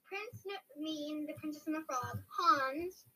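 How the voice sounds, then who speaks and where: A young girl with a very high voice co-hosts a casual quiz podcast. She chats and reads questions aloud. The laptop mic adds faint noise and clicks. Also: unhurried, sharp tone, rough recording. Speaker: podcast co-host. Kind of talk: casual podcast chat, reading quizzes aloud.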